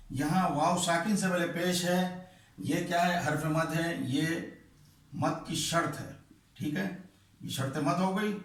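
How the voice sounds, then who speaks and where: A man with a somewhat high voice teaches the rules of Quran recitation, repeating terms patiently and drawing out vowels to demonstrate. His voice rings in a very reverberant room. He stands back from the microphone. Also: far from the mic. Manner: patient, repeats terms slowly, checks understanding with "ٹھیک ہے"; demonstrates by stretching vowels in chanted examples. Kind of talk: explaining recitation rules at a board.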